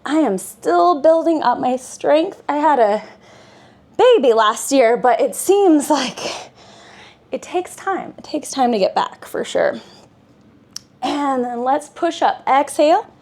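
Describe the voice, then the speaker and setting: Female Pilates instructor, slightly high, unhurried, calm encouraging cues. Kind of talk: guided workout instruction.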